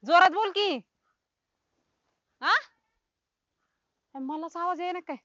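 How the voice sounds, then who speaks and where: A woman's voice: very high-pitched, animated, moderate pace, dry recording, full character voice. A brash, bossy village woman. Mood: bossy, puzzled. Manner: loud, scolding, rustic chatter. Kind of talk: comic web film acting. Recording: dull, dry film sound.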